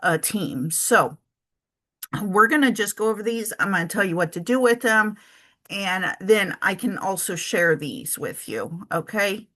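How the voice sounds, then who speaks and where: This woman has a medium-pitched, expressive, fairly bright voice and keeps a measured pace. She's hiccuping while she walks through a spreadsheet for her travel business in a casual screen-share tutorial, chatting, thinking aloud, and dropping lots of ums and self-corrections.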